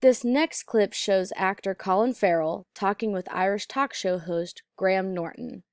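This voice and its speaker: A woman's voice: medium pitch, a little slow, darkish tone, dry recording. Dry, close-miked woman teaching pronunciation. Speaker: accent teacher. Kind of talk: instructional narration.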